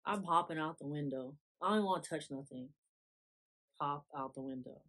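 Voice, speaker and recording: A young woman with a low voice co-hosts a casual podcast. She talks bluntly and reacts with animated, repeated disgust. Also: moderate pace. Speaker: podcast co-host. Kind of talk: casual chat.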